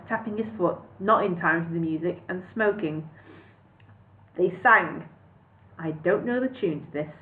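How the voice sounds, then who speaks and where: Apologetic woman reading on a tinny stream. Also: mid-range voice. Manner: chatty and apologetic, with frequent hesitant fillers. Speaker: reader and live streamer. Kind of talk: casual live-stream story reading.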